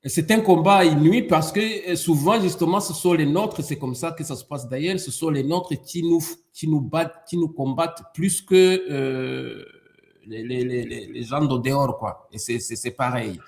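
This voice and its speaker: A man's voice: on the high side, normal speed, gravelly, a little mellow. A man from Rwanda, a guest in a debate, talking hesitantly with many restarts and repeated words. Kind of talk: conversational debate.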